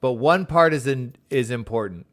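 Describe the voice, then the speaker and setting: A man streaming a game with casual, excitable commentary, reading the dialogue aloud as he plays. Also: medium pitch, moderate pace. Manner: excitable, exclaims and laughs often; reads on-screen dialogue aloud.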